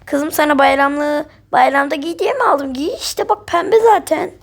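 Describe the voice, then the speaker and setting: A woman's voice: sits high, expressive, normal speed. A woman playing a stern scolding mother. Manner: scolding, curt.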